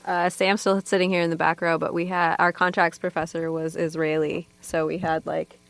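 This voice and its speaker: A woman co-hosting a podcast, reacting quickly and laughing along. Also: on the low side, level tone, gravelly, dry recording. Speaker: podcast co-host. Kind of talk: casual podcast interview.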